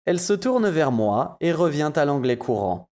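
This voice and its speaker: A man narrating an audiobook in a measured storytelling manner. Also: fairly high pitch, big pitch swings, darkish tone.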